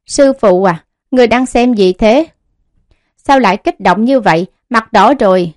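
Curious lil squirrel disciple asking stuff eagerly, read by a woman, kinda high voice. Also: moderate pace, a little mellow, no echo, studio quality, close to an everyday voice.

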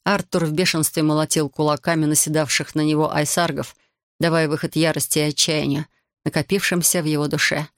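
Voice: mid-range voice, flat delivery, fairly quick, fairly bright tone, dry recording. Dry, close audiobook narrator. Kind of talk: scripted literary narration.

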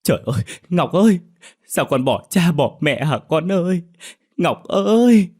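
A man's voice: sing-song, a little slow, darkish tone, husky, full character voice. A man voicing a grieving middle-aged mother who wails and screams at reporters in a horror story. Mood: wailing grief. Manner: wailing, shrieking high.

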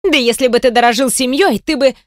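Woman voicing a shrill scornful ex-wife. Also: fast talker, dry recording, studio quality, close to an everyday voice. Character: sharp-tongued embittered ex-wife.

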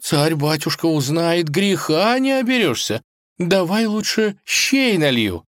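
A man's voice: a little high, big pitch swings, measured pace, fairly bright tone, dry recording, studio quality, voice pushed up. A man voicing a fussy, kindly older female palace cook who laments in a singsong way. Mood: protesting.

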